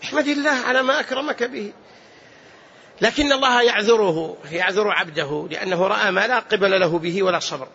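A man's voice: high-pitched, a little fast, bright, forceful tone, slightly rough. A male preacher who tells a story in a sermon, acting out its dialogue with dramatic shifts and chuckles, on a dull lo-fi recording.

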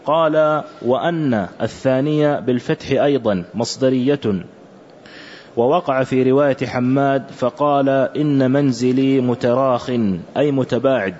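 A man reading aloud a classical religious commentary for a teacher, in a measured, careful recitation. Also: medium pitch, fairly even intonation, darkish tone, a little hiss or hum. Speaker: student reading the text aloud. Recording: dull lo-fi recording.

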